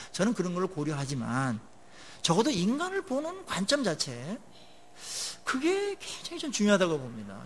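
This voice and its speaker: A male pastor delivers a sermon with a high, very lively voice that climbs on emphatic points and sinks low at phrase ends. His tone has a gravelly edge, and he often turns to the congregation with questions. Faint room ambience hangs behind him. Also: a little hiss or hum. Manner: conversational preaching with rhetorical questions to the congregation; swings between rising emphatic peaks and low dropped phrase endings.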